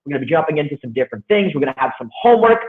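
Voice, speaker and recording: A man's voice: fairly high pitch, sing-song, rapid-fire. Upbeat man on a tinny call. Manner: upbeat, direct, casual. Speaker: guest speaker. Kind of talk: webinar teaching. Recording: tinny echoey video call audio.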